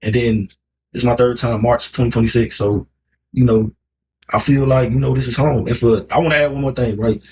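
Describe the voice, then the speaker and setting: A man in his thirties from Miami, with an American accent, vlogs to camera about a relationship. His mid-range voice is steady and a little fast, over a noisy background. He rambles casually, full of "you know" and "like."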